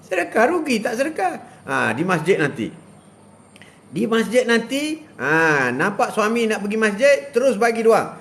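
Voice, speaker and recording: An older man from Malaysia hosting a casual live stream, giving religious advice in an animated way, laughing and reading viewer comments aloud outdoors. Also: high voice, moderate pace. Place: outdoors beside a plantation.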